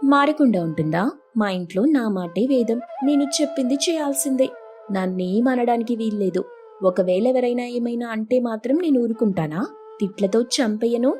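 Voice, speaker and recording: A woman's voice: a little high, expressive, moderate pace, dark tone, soft background music, natural voice. A woman voicing an arrogant, bossy rich elder sister who brags and sneers at the poor. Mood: boastful. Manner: haughty, boastful and scornful.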